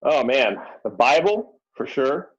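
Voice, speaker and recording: A man telling stories as a guest on a podcast, in a relaxed, easygoing way. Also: medium pitch, takes it slowly, slightly rough. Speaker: podcast guest, real estate investor. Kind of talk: casual interview chat. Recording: dull lo-fi sound.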